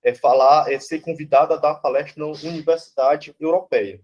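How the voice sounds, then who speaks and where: Speaking fairly quickly with fairly even intonation, a Brazilian philosophy professor delivers a blunt, informal lecture full of "né?" and "tá certo?" check-ins and casual cursing. His voice is a little high and darkish, and the recording cuts off the highs.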